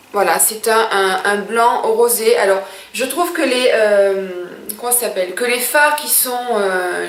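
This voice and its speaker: A woman's voice: a little high, roomy sound, distant mic. A woman beauty vlogger reviewing makeup in a chatty, gushing way, with many hesitations.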